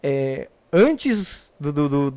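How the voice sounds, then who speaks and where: A man with a slightly high voice hosts a casual church podcast. He rambles, repeats himself and restarts, addressing his guest with respect. He is from Paraná. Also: big pitch swings, very slow, mellow. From Paraná, Brazil. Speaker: podcast host.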